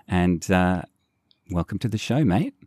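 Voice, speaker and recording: A man hosts a relaxed interview. His voice is deep, he sounds friendly and chatty, and the recording is dry and close. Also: unhurried, no room sound. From New Zealand. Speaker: podcast host. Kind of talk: casual interview chat.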